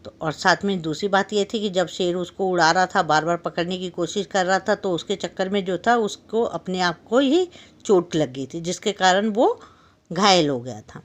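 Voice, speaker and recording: A woman's voice: on the low side, animated, normal speed. A woman teacher telling a story to young children, stopping to explain words and ask the class questions. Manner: explains and retells each line, asks the class questions. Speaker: school teacher.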